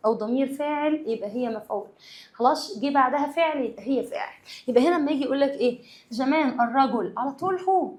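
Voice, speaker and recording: An Egyptian woman teacher leads a lively exam review. Her voice sits high and her speech moves quickly. She talks straight to her students and drops English grammar terms into her explanations. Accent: Egyptian Arabic.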